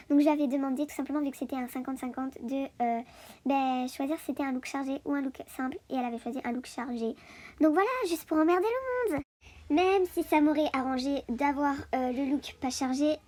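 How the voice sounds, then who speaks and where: A woman's voice: high voice, fairly even intonation, brisk, darkish tone. A woman giving a casual voice-over for her video, chatty and full of hesitations and fillers. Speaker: video host.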